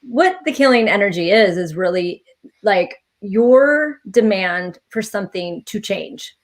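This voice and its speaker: A woman's voice: mid-range voice, lively intonation, a little slow. A woman facilitating a class, talking casually and reflectively on a live stream over a video call, laughing now and then.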